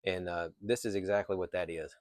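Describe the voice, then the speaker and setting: Low-voiced man giving a casual review. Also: steady tone, darkish tone, no echo, studio quality. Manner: hesitant, pausing mid-thought, thinking aloud. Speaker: pipe tobacco reviewer. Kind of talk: casual unscripted product review.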